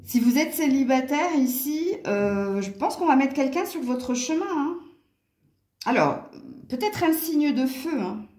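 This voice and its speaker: A woman with a high, animated, darkish voice and a Franche-Comté French accent speaks a little slowly as she gives viewers a casual tarot and astrology reading from home beside a window. She's chatty, full of little exclamations and "hein" tags, and the room echoes noticeably.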